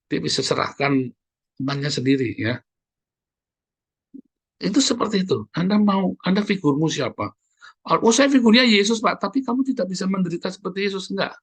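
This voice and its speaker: A man's voice: high voice, creaky, breathy edge, no room sound. A man preaching a conversational sermon, asking his listeners questions and answering them himself, with sudden emphatic rises. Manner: addresses listeners as brothers and sisters, asks and answers his own questions.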